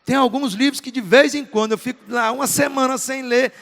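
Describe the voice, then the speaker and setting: A middle-aged Brazilian pastor preaches with a high, ringing voice, his words trailing off into the long reverb of a large church hall. He is earnest and emphatic, repeating short phrases to drive his points home. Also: fairly even intonation, fairly quick, vocal fry, fairly bright tone. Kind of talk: sermon.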